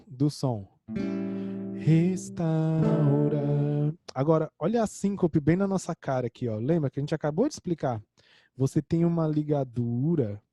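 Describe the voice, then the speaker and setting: A man's voice: fairly high pitch, mellow, no room sound. A man with a Brazilian Portuguese accent teaching an online music theory lesson, explaining a score step by step and singing short examples.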